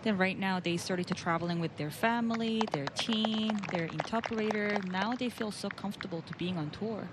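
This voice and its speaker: A woman with a medium-pitched voice works as a golf commentator, offering casual analysis. Clear open-air background noise surrounds her speech. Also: moderate pace, hardly any pauses.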